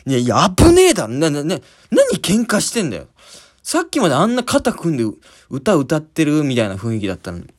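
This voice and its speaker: A man's voice: fairly high pitch, wildly swooping pitch, brisk. A man hosting a podcast, telling a story in a casual monologue and acting out scenes with sound words. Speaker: podcast host.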